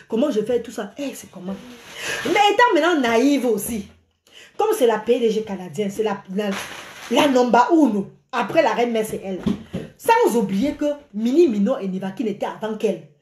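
Her phone held out at arm's length, a middle-aged woman from Cameroon delivers an animated live rant to followers from a small room by a curtain, gesturing and exclaiming throughout. She speaks at a moderate pace in a fairly high voice, and the echoey audio carries a little hiss or hum.

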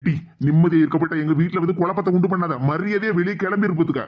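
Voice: mid-range voice, steady tone, fast, close to an everyday voice. Someone voicing a hot-tempered scolding father-in-law. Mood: angry. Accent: Tirunelveli Tamil. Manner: scolding, shouting orders. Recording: dull lo-fi sound.

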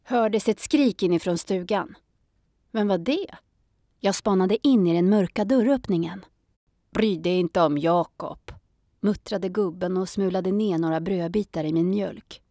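A woman narrating a children's audiobook in a calm storytelling manner. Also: mid-range voice, no room sound, studio quality.

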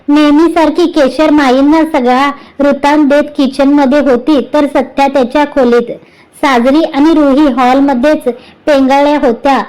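Woman, high-pitched, storyteller, scripted narration. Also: darkish tone, low-quality recording. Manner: reads every character's lines in a light variation of her own voice.

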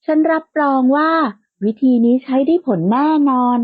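Woman voicing a cheeky young prankster gal, lively and teasing, dull dry audio. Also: high-pitched, moderate pace, no echo, lightly acted. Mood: playful. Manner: playful and outspoken, bright and teasing.

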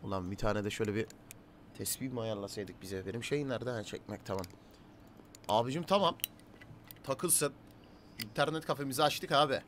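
A man giving casual let's-play commentary, chatting to game characters and his viewers, swinging from low mutters to loud calls. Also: a little hiss or hum. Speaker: gaming YouTuber.

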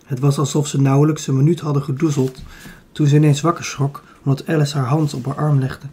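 A man narrating a children's audiobook in a calm, even storytelling manner. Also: mid-range voice, normal speed, pauses often, breathy edge.

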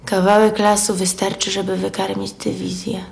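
An actress in her thirties playing a calm, deliberate, quietly menacing wife in a film drama. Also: mid-range voice, gravelly. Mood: coolly menacing. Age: 30s. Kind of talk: understated film acting. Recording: echoey room, faint noise.

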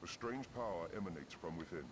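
A man's voice: low-pitched, lively intonation, normal speed, a little hiss or hum. An actor playing a loyal male companion in a fantasy game, speaking in a formal, courteous way, heard as game audio from a distance.

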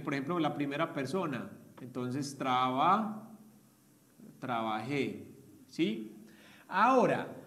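High-voiced man teaching grammar. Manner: explains step by step, checks with "¿sí?". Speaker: English teacher. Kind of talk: online class explanation.

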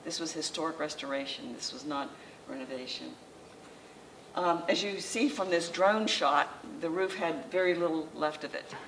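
In an indoor library meeting room, a small audience hears the local historical society's president, an older woman with a deep voice, give an informal slideshow lecture. Her manner is conversational and halting, with many restarts. She is masked and recorded by a far-off camera mic amid faint room noise.

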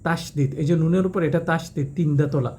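High-voiced man teaching slow recitation. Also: dark tone. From Bangladesh. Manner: rapid explanations, slow drawn-out melodic recitation. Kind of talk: step-by-step recitation lesson.

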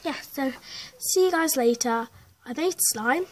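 A woman's voice: high-pitched, animated, a little slow, slight background noise. A young girl, around ten years old, chatting through a rambling, stop-start life-update vlog at home, with many fillers. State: out of breath. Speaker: vlogger. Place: at home indoors.

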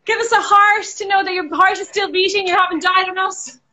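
A woman with an Irish accent leading a live workout class over a video call, energetic, counting down reps and cheering people on. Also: very high voice, brisk, reverberant, noisy background. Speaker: fitness instructor.

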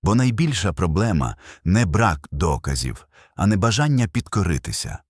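Very deep husky guy preaching, solemn, swings his pitch a lot, dry close sound. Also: big pitch swings, normal speed, no room sound. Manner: solemn, emphatic, builds with short repeated phrases. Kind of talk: scripted sermon narration.

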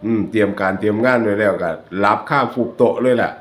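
A man's voice: fairly low pitch, fairly even intonation, quick pace. A man with a Northeastern Thai Isan accent, hosting his channel and chatting jokingly with viewers over photos. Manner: chatty, joking, addresses viewers as brothers and sisters. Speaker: YouTube channel host. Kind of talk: casual commentary over photos. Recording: roomy echo.

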